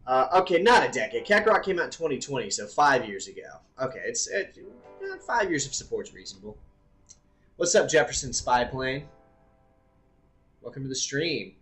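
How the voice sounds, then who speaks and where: Casually chatting on his live stream, a man with a mid-range voice thinks out loud and lets the odd curse slip.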